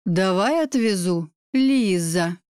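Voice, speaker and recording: A woman putting on a menacing drunk young man, speaking lower than her own voice in a mocking drawl. The sound is smooth and dry. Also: expressive, slow, a little mellow, dry recording.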